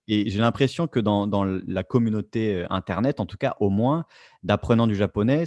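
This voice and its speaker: A man's voice: on the low side, a little mellow, no echo, clean studio sound. A man co-hosting a casual podcast, thinking aloud and often restarting his phrases. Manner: reflective, restarts phrases, many fillers. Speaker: podcast co-host.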